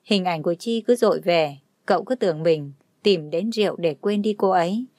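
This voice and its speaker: A woman narrating a dramatic story in a steady, even way. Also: lowish voice, fairly quick, dry recording, studio quality. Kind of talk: scripted narration.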